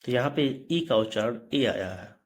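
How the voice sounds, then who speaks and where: A man with a medium-pitched, expressive voice gives a slow explanatory English pronunciation lesson at a moderate pace. He spells words out letter by letter, then says them, and corrects himself now and then mid-lesson.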